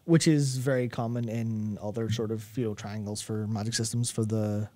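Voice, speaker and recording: A man in his thirties co-hosts a gaming discussion show, talking through game lore in a casual, analytical way that rambles and corrects itself as he goes. His voice sits on the low side, with a steady tone, normal speed, and a slightly mellow quality. He speaks into a close broadcast microphone on a boom arm in a small studio lined with acoustic foam, and there's no echo.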